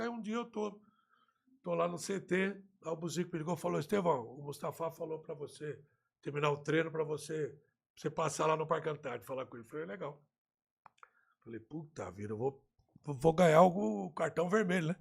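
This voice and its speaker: A Brazilian man, a football coach, tells a story from his career in an animated, conversational way, slipping into the voices of the people he quotes. His voice is gravelly and raspy with fry. It sits somewhat high for a man. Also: a little fast. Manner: lively, acts out remembered dialogue.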